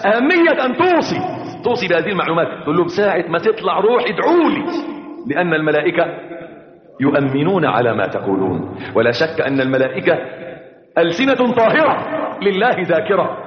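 A man's voice: fairly high pitch, very animated, fast. A male preacher giving an impassioned sermon, calling out to his listeners and chanting verses. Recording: echoey hall, dull lo-fi sound.

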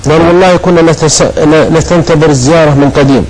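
Fast-talking man telling lively stories. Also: on the high side, rough recording. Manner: animated storytelling, voices quoted people. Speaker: guest preacher. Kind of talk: anecdotal storytelling on a TV talk show.

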